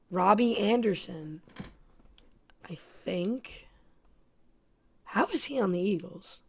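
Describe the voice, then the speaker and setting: A woman's voice: fairly low pitch, gravelly, darkish tone. A woman giving play-by-play commentary on her own football video game, frustrated and self-critical. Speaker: gaming YouTuber.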